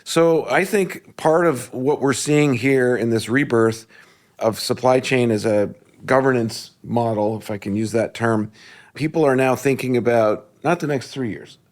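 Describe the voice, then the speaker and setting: A man speaking as a guest on a panel discussion, measured and explanatory. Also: medium pitch. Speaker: panel guest, tech executive.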